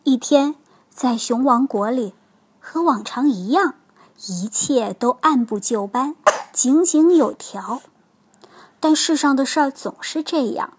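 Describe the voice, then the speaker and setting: Slow high-voiced woman reading a children's story. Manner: slow, expressive, clearly paced.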